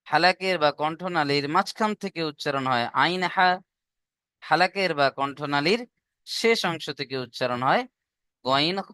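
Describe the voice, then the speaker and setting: This Quran recitation teacher leads an online class with patience, repeating points and often checking whether his students have understood. His voice is on the high side, sharp and smooth. It is studio quality with no room sound.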